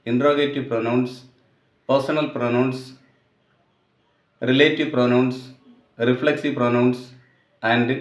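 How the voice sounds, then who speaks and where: A man with a Malayali accent teaches an English grammar lesson, spelling out terms at a very slow, deliberate pace. His voice sits in a middle pitch. The recording is echoey and a little dull, like a small room captured on basic gear.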